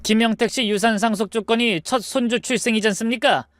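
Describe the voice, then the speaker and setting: A man's voice: high-pitched, fairly quick, fairly bright tone, no echo, pitched above the performer's own voice. A man voicing a formal lawyer who asserts inheritance rights. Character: formal lawyer for the greedy brothers.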